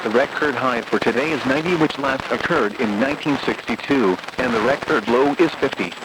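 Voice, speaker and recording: A fairly quick, medium-pitched male voice with a synthetic quality delivers an automated weather bulletin from a script. He reads it flatly and methodically while radio noise fills the broadcast.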